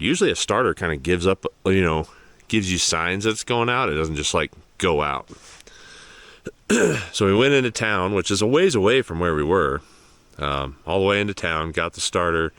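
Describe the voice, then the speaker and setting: Low-voiced easygoing man vlogging. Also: a bit bright, clean tone, no room sound. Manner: easygoing, chatty, lots of fillers. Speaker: overlanding vlogger. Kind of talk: casual vlog narration. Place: outdoors on mountain trails and in a garage.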